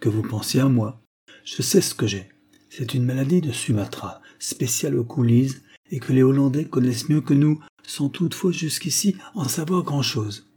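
A man reading an audiobook, voicing a gravely ill male detective who speaks weakly and short of breath yet in a sharp, commanding way. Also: mid-range voice, moderate pace, lightly acted. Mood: plaintive. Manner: commanding, sharp, abrupt outbursts.

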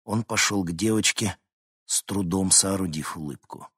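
A man reads a novel aloud in a measured, tense narrating voice. His voice is lowish and husky, and the recording is dry and close, with no room sound. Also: sharp tone, no room sound. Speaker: audiobook narrator. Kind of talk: scripted narration.

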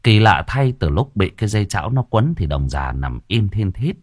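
A man tells a ghost story with lively expression. His voice is very low, and his pitch rises and falls a lot. The recording is dry and close. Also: moderate pace, no room sound. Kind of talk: dramatic ghost story narration.

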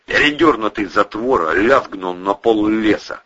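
A man narrating an audiobook in a lively, expressive reading style. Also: fairly low pitch, measured pace, husky, lo-fi sound.

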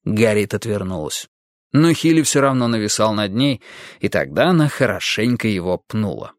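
A man narrating an audiobook in a lively, expressive reading. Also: fairly low pitch, moderate pace, no echo, studio quality.

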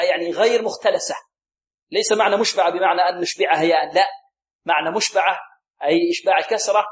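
A man teaching Quran recitation rules, often asking a question and answering it himself, and slowly repeating words to show how to say them. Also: high-pitched. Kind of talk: tajweed lesson with call-and-response questions.

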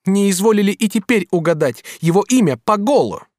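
A man voicing a devoted, proud and quick-tempered young woman servant in an audiobook, with emphatic, pleading exclamations. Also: high-pitched, lively intonation, a little mellow, no room sound, studio quality, voice pushed up. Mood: teasing. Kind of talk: audiobook character reading.

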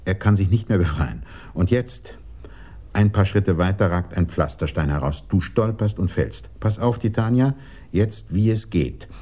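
A man's voice: low voice, lively intonation, unhurried, mellow. An actor playing a scheming man who commands and instructs others at length, in a 1980s radio drama. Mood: coaxing.

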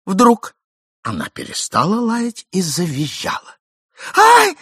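A man reading a story aloud with a lively, dramatic delivery. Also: mid-range voice, unhurried, slightly rough, dry recording, studio quality. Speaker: narrator.

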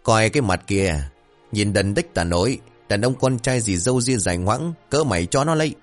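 A man's voice: lowish voice, animated, faint music behind, natural voice. A man voicing a cheeky young village rascal who rattles off insults and blithely denies everything. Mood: mocking. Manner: brash and mocking, rapid-fire insults. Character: cheeky brash village boy, shameless liar.

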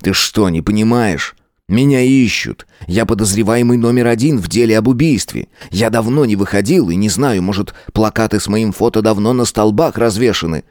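A man's voice: on the low side, moderate pace, a little mellow, no room sound, clean studio sound, natural voice. A man voicing a selfish, whining young man in an audiobook, sneering and contemptuous. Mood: irritated. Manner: sneering, whiny. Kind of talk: audiobook character reading.

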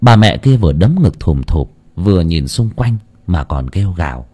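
A man reads a ghost story aloud as an audiobook narrator. His voice is fairly low yet very animated in its melody. He tells the story expressively. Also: moderate pace, breathy edge.

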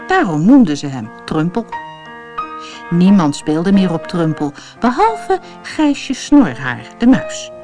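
Low-voiced lady reading a kids fairy tale, super animated, little music behind. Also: slow pace. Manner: expressive, lively storytelling. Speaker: storyteller. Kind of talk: audiobook narration for children.

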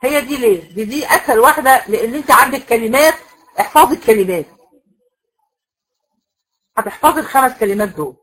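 A woman with an Egyptian accent teaches a recitation class in a slightly high voice. She lays out each rule in careful steps, throwing questions to her women students and answering them herself. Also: expressive, fast, long pauses, fairly bright tone, slightly rough, rough recording. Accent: Egyptian Arabic. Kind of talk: classroom lecture.

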